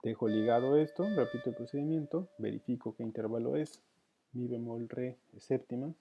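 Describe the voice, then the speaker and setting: A man's voice: medium pitch, brisk, slightly rough. A man teaching counterpoint, working through it aloud with hesitations. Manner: thinks aloud with many fillers and restarts. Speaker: music teacher. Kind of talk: counterpoint lesson, thinking aloud. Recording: dull lo-fi sound.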